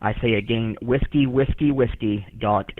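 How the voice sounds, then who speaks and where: A man's voice: medium pitch, steady tone, normal speed, no room sound. A man heard through a ham radio speaker, his voice thin and phone-like on a dry signal with no room around it. He runs a radio net as net control, polite and formal, with frequent "uh" fillers as he spells out call signs in the phonetic alphabet. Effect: heard over a ham radio receiver. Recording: tinny radio receiver audio.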